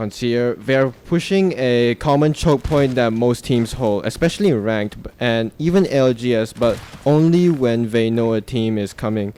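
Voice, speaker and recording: A man giving analytical esports color commentary in a measured way. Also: mid-range voice, a little mellow. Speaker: esports co-caster. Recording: clear game noise behind.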